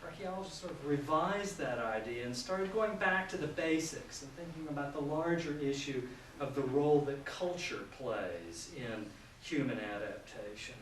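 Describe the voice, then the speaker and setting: A man in his sixties giving an informal public lecture as a professor, chatty and self-deprecating with lots of fillers. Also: medium pitch. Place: large lecture room with an audience. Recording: echoey hall, mic at a distance, audience noise.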